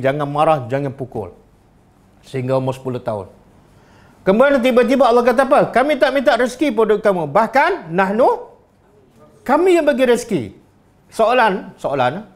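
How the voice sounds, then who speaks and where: Preaching with a Malaysian Malay accent, this high-pitched man throws rhetorical question after question at his audience during a lively religious talk.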